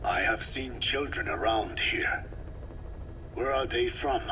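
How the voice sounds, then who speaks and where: A steady hum runs under this noisy field recording of a man voicing a video game character: a frail, elderly scientist. Speaking at medium pitch in a breathy whisper, he explains things slowly, formally, and deliberately, sounding sober, grave, and probing.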